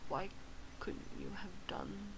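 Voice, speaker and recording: A woman streamer voicing a tormented, violent man in a dramatic story, halting and pleading between whispers and outbursts, with a creaky voice. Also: mid-range voice, wildly swooping pitch, heavily acted, low-quality recording. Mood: desperate pleading. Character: Adam, tormented violent man torn by unwanted attraction.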